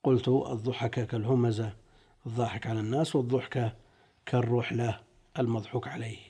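A man teaching as a sheikh. He reads out classical commentaries and explains them deliberately, drawing out key words. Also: medium pitch, little pitch movement, mellow, breathy edge.

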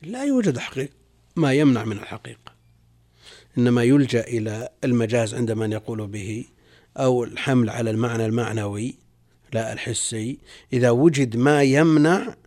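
A man's voice: medium pitch, fairly even intonation, brisk, a little mellow. A middle-aged man speaking as a religious scholar, reading and explaining commentary in mostly formal Arabic with colloquial asides, repeating key phrases. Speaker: religious scholar, guest on the program.

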